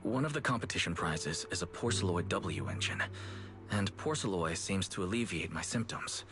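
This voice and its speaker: A man voicing a calm, considerate young male proxy in a game cutscene, gentle in manner. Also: low-pitched, normal speed. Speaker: game protagonist. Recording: game cutscene voice over music.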